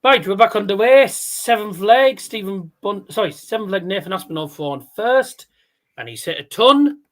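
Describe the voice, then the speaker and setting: A man's voice: high voice, animated, normal speed, fairly bright tone. A man, a stutter and R's that come out as W's, chatting casually and commentating as a livestream host, with some swearing. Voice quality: cannot pronounce R's, says w for r. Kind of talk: casual watchalong chat and darts commentary.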